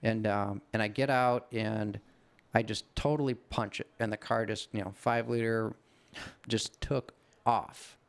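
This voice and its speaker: A man's voice: fairly low pitch, fairly even intonation, a little slow, creaky, clean tone. A middle-aged man casually telling a long, rambling anecdote on a podcast, swearing freely. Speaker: podcast co-host. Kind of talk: casual storytelling chat.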